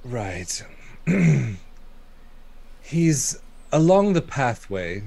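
Slow, lively-voiced man playing a character. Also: mid-range voice. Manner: slow, drawling, formal speech. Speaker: player. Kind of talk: playing a tabletop game in character.

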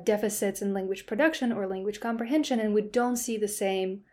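A woman guest in an interview, patiently explaining her research in a relaxed way, often checking in with "right?". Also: mid-range voice, a little fast. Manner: explains patiently, with frequent "right?" and "that kind of stuff". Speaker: scientist guest.

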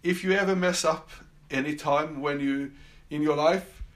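Here a Swedish-accented man from Sweden runs a relaxed one-person podcast out of his summer house, stumbling through fillers and restarts. He sounds fairly high, steady, and unhurried.

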